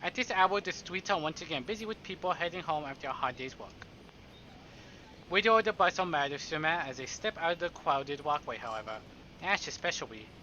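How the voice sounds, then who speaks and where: Reading a visual novel's narration on stream, a man with a slightly high, pushed, bright voice talks a little fast and cracks playful, sarcastic comments along the way. There's slight background noise, and the dull, lo-fi audio sits over game music.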